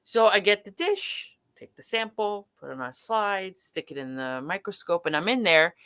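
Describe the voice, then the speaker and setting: A woman in a casual chat as a guest, telling a lab story with lively acted-out quotes and many restarts. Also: mid-range voice, normal speed, smooth.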